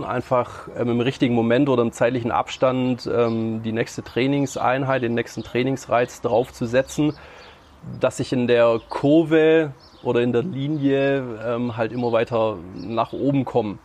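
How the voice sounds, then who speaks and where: Male guest, monotone delivery, halting explainer, mid pitch. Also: a little hiss or hum. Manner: halting, frequent fillers. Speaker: podcast guest. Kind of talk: casual explanatory chat.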